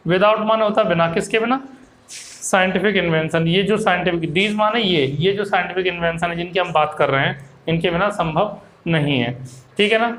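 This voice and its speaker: A male teacher with a fairly high voice runs an online English class, explaining every sentence in Hindi and reading the English lines slowly. He keeps checking that students follow him. The sound bounces around a hard room with a faint hum behind it. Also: a bit bright, echoey room, low-quality recording. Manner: coaxing, repeats "theek hai na".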